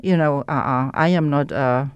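A native German speaker with a German accent, appearing as an interview guest, candidly shares her recovery story, pausing to search for words. Her voice is low and smooth, with no room sound and dull audio.

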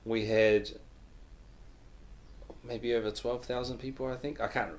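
A man's voice: mid-range voice, flat delivery, measured pace. A man chats as an interview guest, explaining his work in an easygoing, hesitant way. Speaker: guest, public health worker. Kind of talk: casual interview conversation.

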